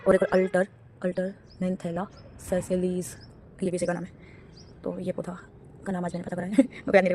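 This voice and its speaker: A woman's voice: medium pitch, mellow. A young woman talking casually to her vlog audience while doing chores at home, narrating each step and laughing at herself. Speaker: vlogger. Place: home rooftop and garden area.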